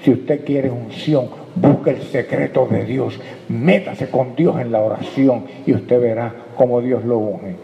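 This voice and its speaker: A man preaching a sermon, calling for amens and dropping into hushed prayer. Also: medium pitch, fairly even intonation, unhurried, gravelly. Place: church hall. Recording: echoey hall, dull lo-fi sound.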